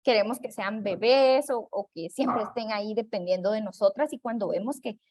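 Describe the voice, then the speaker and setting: A woman's voice: mid-range voice, moderate pace, a little mellow. A woman giving a talk on child attachment, acting out parents' voices and checking in with "¿sí?". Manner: acts out parents' voices, asks listeners "¿sí?". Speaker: parenting educator.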